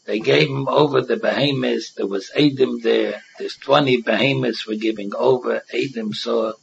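In a dull, muffled lo-fi recording, a religious teacher with a Yiddish-inflected English accent leads a casual Talmud lesson. He reads and explains in a repetitive sing-song, posing rhetorical questions. His medium-pitched voice has vocal fry and fairly even intonation, and he speaks at normal speed, with a little hiss or hum in the background.

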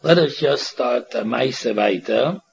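A very husky, creaky-voiced man with a Yiddish-inflected accent teaches a Talmud class. He reads a phrase and then explains it in a sing-song way, repeating himself and posing questions. The recording is dull and muffled. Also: mid-range voice, measured pace. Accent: Yiddish-inflected English. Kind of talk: informal Talmud lesson, reading and explaining.

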